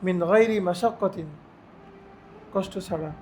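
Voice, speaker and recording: A man teaching a religious lesson, reciting Arabic phrases slowly and putting questions to his students. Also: sits high, darkish tone, slight background noise. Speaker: Islamic teacher.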